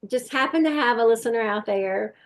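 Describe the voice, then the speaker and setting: Host, woman: gravelly edge, thoughtful, searches for her words, faith talk. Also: a little high, brisk. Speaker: podcast host. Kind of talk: faith-based conversation.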